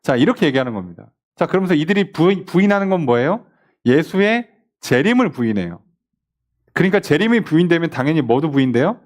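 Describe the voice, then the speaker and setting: At a midweek Bible study in church, a pastor speaks briskly in a voice on the high side. He's animated, quizzing the class and acting out the words of scoffers.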